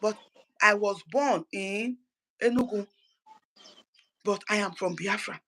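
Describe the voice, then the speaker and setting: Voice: mid-range voice, slow pace, fairly bright tone, a little hiss or hum, low-quality recording. A speaker gives an impassioned political address as an activist, fervent and full of repeated words and restarted phrases.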